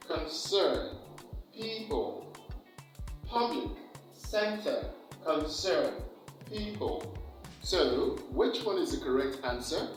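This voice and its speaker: A man teaching an exam preparation lesson, slowly and deliberately, repeating key words for emphasis. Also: fairly high pitch, far from the mic. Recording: echoey room, off-mic, faint music.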